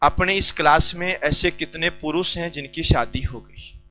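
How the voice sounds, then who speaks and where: A man's voice: fairly high pitch, a little slow, sharp tone, a little hiss or hum, low-quality recording. A man teaching a class in a joking lecture style, teasing the students and talking straight to them. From India.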